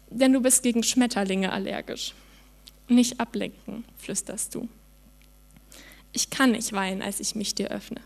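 Young woman performing melancholic spoken word. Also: high voice. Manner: soft, melancholic, slowing on refrains. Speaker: poetry slam performer.

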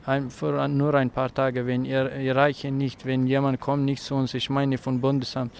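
A man from Afghanistan, a protester speaking in halting, broken German with many pauses. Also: medium pitch, completely flat delivery, creaky. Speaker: asylum-seeking protester. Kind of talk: street interview. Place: outdoors in a city street. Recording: faint traffic noise outdoors.

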